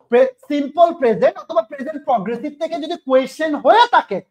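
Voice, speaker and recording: A woman's voice: high voice, darkish tone. A woman teaching English grammar in an online admission-test lecture, scolding and firing questions at her students.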